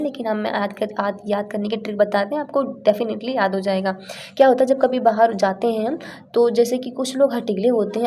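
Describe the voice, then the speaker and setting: A woman's voice: fairly high pitch, mellow. A young woman teaching exam facts in a casual, chatty way, using playful memory tricks. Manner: chatty, explains with playful rhymes and acted-out lines.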